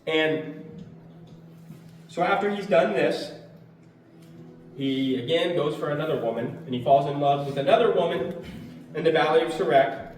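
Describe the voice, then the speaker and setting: A man's voice: a little high, moderate pace, long pauses. A man casually teaching a Bible study, retelling the story in a conversational, emphatic way with fillers. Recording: echoey room from far off, faint noise.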